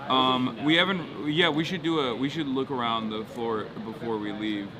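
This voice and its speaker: At an outdoor protest, a male streamer host chats casually and jokingly in loose slang, his mid-range voice moving at a moderate pace. Loud crowd noise fills the background.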